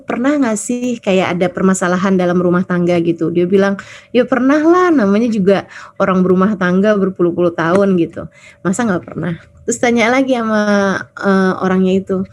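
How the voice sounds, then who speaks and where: A woman's voice: a little high, darkish tone. A woman preacher giving a casual, chatty sermon, telling stories and acting out the people she quotes. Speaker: Islamic preacher.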